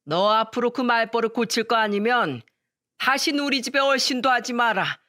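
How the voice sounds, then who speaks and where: Furious father-in-law shouting, as a woman puts him on. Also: on the high side, moderate pace, voice pushed up. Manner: scolding, shouting orders.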